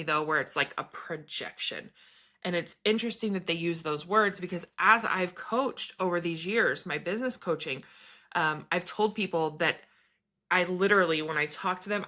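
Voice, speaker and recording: A woman's voice: fairly low pitch, sharp tone. A woman in her thirties chatting casually to camera about her spiritual experiences, meandering and laughing between thoughts. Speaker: spiritual vlogger and business coach.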